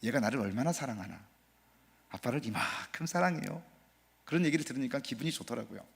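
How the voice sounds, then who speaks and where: A man preaching a Sunday sermon as pastor, building to loud emphatic repetitions and dropping to soft, near-whispered asides, with rhetorical questions to the congregation. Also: mid-range voice, animated, fast, gravelly, slightly rough. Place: church sanctuary. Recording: long church reverb.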